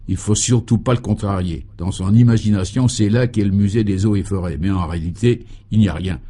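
A man's voice: on the low side, a little fast, warm tone, lightly acted. A man playing a confiding guide. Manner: confidential, matter-of-fact.

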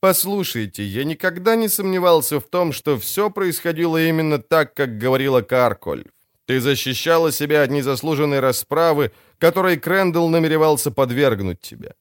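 A man voicing a vain, sly older male crime boss in an audiobook, smooth and self-justifying. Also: on the high side, animated, moderate pace, no echo, clean studio sound, voice pushed up, lightly acted. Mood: smooth, expansive. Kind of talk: audiobook character voice.

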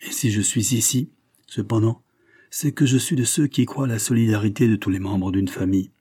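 A man voicing a smooth, scheming middle-aged gentleman who speaks in a grave, formal way, a little raised above his reading voice. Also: lowish voice, steady tone, fairly quick.

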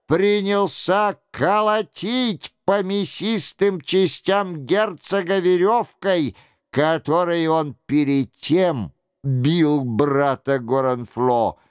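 A man narrating an audiobook in a measured, even reading. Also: fairly high pitch, smooth, dry recording, clean studio sound. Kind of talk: scripted narration.

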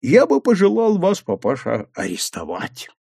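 Мужчина озвучивает хитрого молодого сыщика, который говорит спокойно и насмешливо. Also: male voice, fairly high pitch, gravelly, breathy edge, no room sound, clean studio sound, voice pushed up, exaggerated voice. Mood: teasing. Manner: calm, mocking, drawn-out. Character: sly calm young male detective.

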